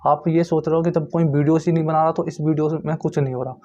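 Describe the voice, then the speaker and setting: A YouTube host gives viewers an informal explanatory update on exam recruitment, insistently repeating his points and checking in often with tag questions. His voice is a little high and dark, flat in delivery and quick, on a muffled lo-fi recording.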